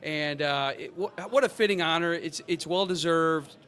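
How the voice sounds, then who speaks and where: Man hosting a podcast, slightly high. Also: a bit bright. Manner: halting, many fillers and restarts. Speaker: podcast host. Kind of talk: casual podcast chat.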